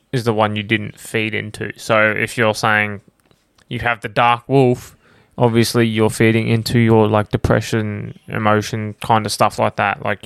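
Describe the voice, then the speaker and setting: A man co-hosting a podcast in casual chat, excitable and swearing freely. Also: on the low side, gravelly, clean tone, no room sound, clean studio sound. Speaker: podcast co-host. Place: hot room with windows open.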